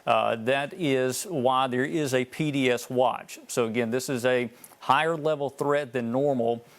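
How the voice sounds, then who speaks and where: A man anchoring live severe weather coverage, talking conversationally and cautioning viewers in a measured, unscripted way. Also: medium pitch, steady tone.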